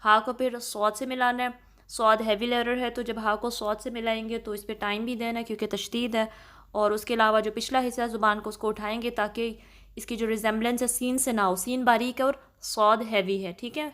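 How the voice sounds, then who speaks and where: A woman's voice: fairly high pitch, flat delivery, a bit bright. Patient Pakistani woman teaching recitation. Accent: Pakistani Urdu. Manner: patient, repeats sounds slowly and checks with "okay?". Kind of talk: slow explanatory tajweed lesson.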